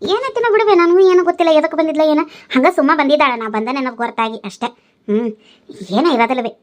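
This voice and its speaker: A woman's voice: sits high, quick pace, lightly acted. A woman voicing a pregnant young wife in a cartoon, defending herself to her mother in a North Karnataka Kannada accent. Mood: hesitant. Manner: defensive, pleading, explaining.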